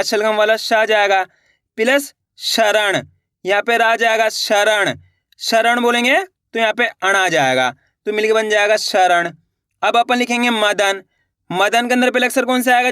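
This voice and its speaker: A man teaching children to write words, drilling each word slowly and repeating it back and forth. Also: high voice, bright, forceful tone, clear, resonant tone, dry recording, clean studio sound. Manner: addresses viewers as friends. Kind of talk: children's Hindi writing lesson.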